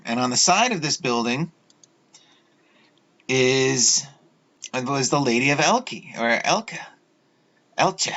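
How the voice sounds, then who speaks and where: Halting man rambling in a lo-fi video. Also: mid-range voice, fairly bright tone. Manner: halting, with many fillers and restarts. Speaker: video host. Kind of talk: rambling solo video talk over images. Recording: dull lo-fi audio.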